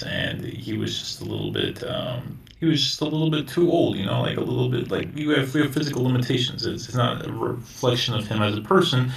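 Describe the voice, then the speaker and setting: A man's voice: on the low side, a bit bright. A man from the United States chatting casually about politics in an informal, occasionally sweary way. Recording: roomy echo, distant from mic.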